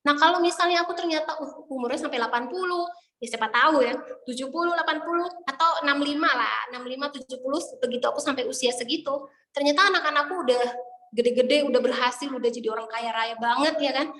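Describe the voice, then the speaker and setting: A woman's voice: sits high, fast, fairly bright tone. A woman giving a casual insurance sales training talk, explaining with chatty examples and asides. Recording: echoey room with long reverb.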